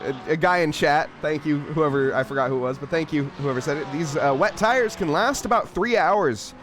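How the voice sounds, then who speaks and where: A man giving casual, animated play-by-play commentary on a live race. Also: fairly high pitch, moderate pace. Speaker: sim racing commentator. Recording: clear engine and car noise behind. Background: race car sounds.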